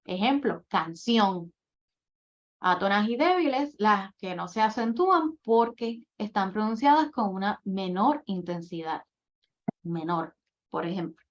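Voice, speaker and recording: A woman's voice: medium pitch, animated, a little slow. A woman giving a workshop lecture, explaining writing rules step by step with example after example. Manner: methodical, lists rules and examples one by one. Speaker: admissions coordinator giving a workshop. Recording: dull lo-fi recording.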